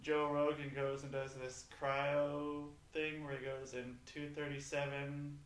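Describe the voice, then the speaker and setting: A man's voice: a little high, flat delivery, a little slow. A man chatting casually as a podcast co-host, rambling with lots of fillers, his voice echoing as if heard through a second device. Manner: rambling, trails off with many fillers. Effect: echo from a second device. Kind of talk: casual chat. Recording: echoey and distant, faint noise.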